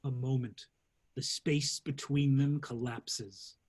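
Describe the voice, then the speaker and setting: A man reading the stage directions in an informal play read-through over a video call, with a measured, wry delivery. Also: mid-range voice, steady tone, a little mellow, breathy edge.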